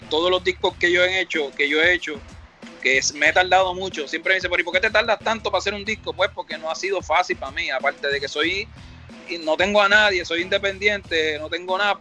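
Reflective Puerto Rican rapper, bright voice. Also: male voice, on the high side. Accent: Puerto Rican Spanish. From Puerto Rico. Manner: rambling, reflective, acts out quoted dialogue. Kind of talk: casual interview storytelling.

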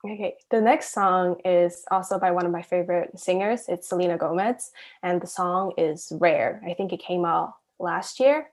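Talking at normal speed in a voice on the low side, a young Shanghai woman chats as an interview guest. A university student, she giggles, says "like" frequently, and tells personal anecdotes in a casual, chatty way.

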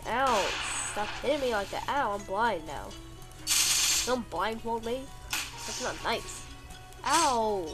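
A gameplay video creator with a congested, sniffly, fairly high voice rambles casually as she plays, speaking slowly, animatedly, and with frequent pauses. She playfully complains each time she gets hit, over loud game music.

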